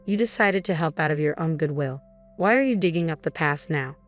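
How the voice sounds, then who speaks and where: A man's voice: a little high, animated, fairly quick, soft background music. Woman voicing a frantic, raised-voice husband in his fifties. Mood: desperate. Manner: shouting, frantic, pleading. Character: angry desperate middle-aged husband, whining.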